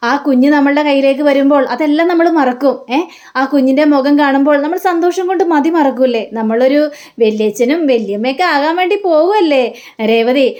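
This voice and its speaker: Give me a woman playing a caring elder brother from a family drama, speaking gently and reassuringly. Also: high-pitched, a little fast, close to an everyday voice. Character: middle-aged man, caring elder brother.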